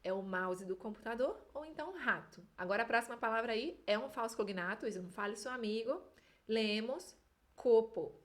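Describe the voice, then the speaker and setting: A fairly high-voiced woman with a Rio de Janeiro accent leads an online Spanish pronunciation lesson. She drags out each sample word slowly and overstates its vowels before explaining it. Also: lively intonation, fairly bright tone. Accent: Rio de Janeiro Brazilian Portuguese. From Brazil. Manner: slow, exaggerated modelling of sample words. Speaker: Spanish teacher.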